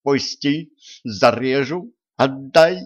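A man voicing a hot-tempered young nomad woman who yells in a raised, shrill voice. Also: takes it slowly. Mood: furious. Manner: shrieking, furious.

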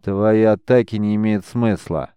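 A man voicing a powerful grand mage in an audiobook, his words curt and stern. The voice sits low and smooth, recorded dry and close. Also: measured pace, mellow, dry recording, close to an everyday voice. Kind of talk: audiobook character voice.

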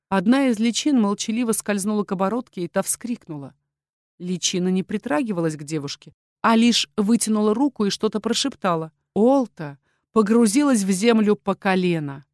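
A woman narrates a fantasy audiobook in a lively, dramatic way. Her voice sounds dry and close, with no room around it. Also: mid-range voice, normal speed, dry recording.

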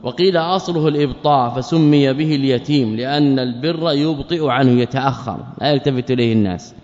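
A man's voice: mid-range voice, quick pace, darkish tone. A man giving an explanatory religious lesson as a scholar, working methodically through word forms and asking himself questions before answering. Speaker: Islamic scholar teaching a creed text. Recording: dull lo-fi audio with long reverb.

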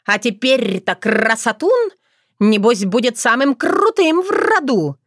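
Voicing a sarcastic young crow, a bald bride mocking her in-laws in a storybook, the woman pushes her voice up to a high-ish, sing-song, unhurried delivery. Her teasing tone comes through on a dry recording.

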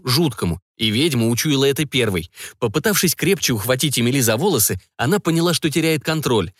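Man narrating a dark fantasy story. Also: medium pitch, dry recording, studio quality. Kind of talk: dramatic audiobook narration.

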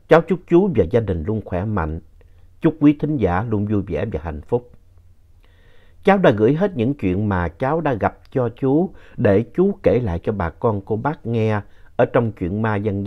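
A man narrating ghost stories sent in by listeners, telling them in an animated storytelling manner. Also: lowish voice. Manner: animated storyteller, voice rising in tense moments. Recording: dull lo-fi recording.

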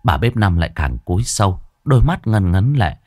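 A male storyteller narrating a ghost story in an expressive, unhurried way. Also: sits low, dry recording.

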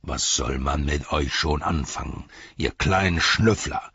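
A man's voice: very deep voice, measured pace, vocal fry, pushed and bright, husky, no echo, highs cut off, exaggerated voice. A man voicing a big orc soldier who barks threats. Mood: bullying. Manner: barking, bullying threats.

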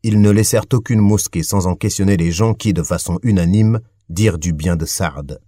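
A man with a deep, low-pitched voice reads a religious text in a calm, measured recitation. He adds formulaic honorifics after names. The sound is close and dry, with no room around it. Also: dry recording. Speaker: audiobook reader. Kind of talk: scripted reading of a religious text.

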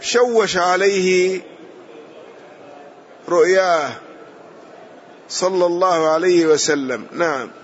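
A man's voice: high voice, slow, pauses often. A man teaching a classical Islamic lesson, explaining a hadith commentary with short glosses and patient affirmations. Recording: dull lo-fi audio.

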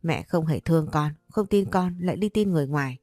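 A woman's voice: low-pitched, brisk, darkish tone, dry recording, studio quality. A woman voicing a sulky, defiant young married daughter who whines back at her mother. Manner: whining, defiant.

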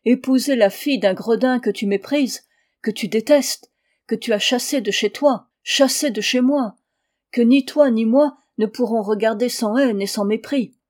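A woman reading aloud voices a proud, anxious, aging factory owner in a troubled mood. Her voice is soft and lowered, mellow and dark, at a normal pace close to everyday speech, and the scene has a storybook feel.

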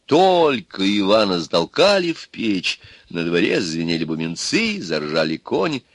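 A man narrating a folk tale in an audiobook, with lively storytelling. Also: low-pitched, normal speed, dry recording.

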